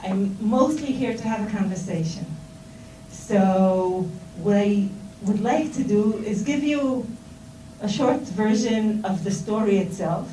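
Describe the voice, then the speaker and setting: Speaking slowly in a mellow, mid-range voice, a middle-aged Israeli woman addresses seminar students informally. Fillers and restarts fill her Hebrew-accented English. The sound is distant and roomy, with noise.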